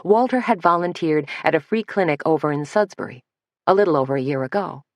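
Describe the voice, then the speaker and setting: A woman reads a mystery novel aloud, her voice low and steady. The recording is close and dry, with no room sound. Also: dry recording. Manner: steady, measured reading. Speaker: audiobook narrator. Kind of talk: scripted narration.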